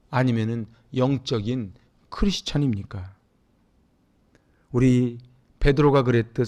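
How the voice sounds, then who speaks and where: A middle-aged Korean man from Seoul preaching a Sunday sermon as pastor, talking with the congregation and swinging between loud emphatic peaks and hushed, near-whispered asides. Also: on the high side. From Seoul, South Korea. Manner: conversational, asks the congregation questions.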